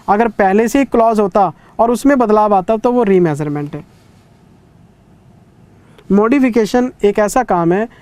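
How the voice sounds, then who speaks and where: A man's voice: sits high, a little mellow, no echo. A man in his thirties teaching an accounting revision class in a conversational lecturing way, stern yet caring with students. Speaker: CA exam teacher.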